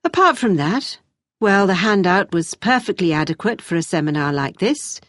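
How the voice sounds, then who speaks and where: A woman takes the role of a brisk British university tutor, encouraging but exacting, offering measured, emphatic and constructive feedback in a scripted listening-test dialogue. Her fairly low voice is sing-song and a bit bright. It's a studio-quality recording with no room sound.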